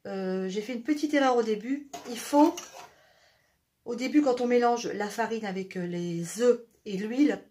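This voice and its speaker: A woman's voice: a little high, darkish tone, a little hiss or hum. A woman from southwest France, hosting a chatty home cooking demonstration in her kitchen. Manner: chatty, joking, talks while stirring. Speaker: home cooking video host.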